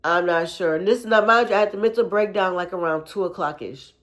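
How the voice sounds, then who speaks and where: A woman's voice: fairly low pitch, fast talker, fairly bright tone. A young woman, telling a personal story in a chatty way with many fillers and calling her listeners y'all. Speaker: podcast host. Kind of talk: casual storytelling to camera.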